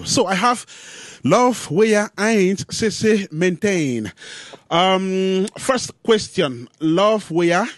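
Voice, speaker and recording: A man hosting a radio show from a studio, introducing his guests in a measured way with frequent pauses. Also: a little high, no room sound. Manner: measured, with many filler pauses. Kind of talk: radio interview.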